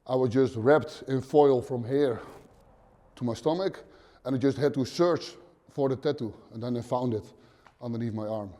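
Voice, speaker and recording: A Dutch gym owner in his thirties, from the Netherlands, answers interview questions bluntly in short, halting phrases while seated in a dim gym. His voice is mid-range and warm.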